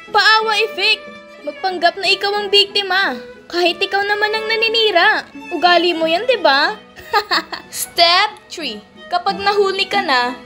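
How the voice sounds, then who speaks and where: A woman delivers a tongue-in-cheek radio show commercial like a peppy announcer. Her voice is high, with faint music underneath. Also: bright, forceful tone. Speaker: announcer of a parody advertisement.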